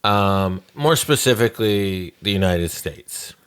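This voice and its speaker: Man, podcast host, slightly low voice, easygoing, jokey, rambling questions. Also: lively intonation, slow pace, clear, resonant tone. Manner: easygoing, joking, meandering questions. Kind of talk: podcast conversation.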